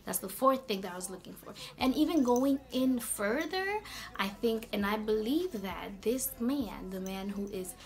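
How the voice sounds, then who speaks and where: A woman hosting a casual Bible talk vlog in a chatty, slangy, animated way. Her voice is going hoarse. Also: a little high, a little slow. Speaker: video host.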